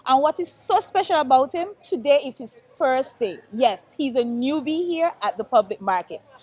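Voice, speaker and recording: A woman's voice: high-pitched, lively intonation, normal speed, a little mellow. A woman, hosting an on-location interview with vendors at a public market.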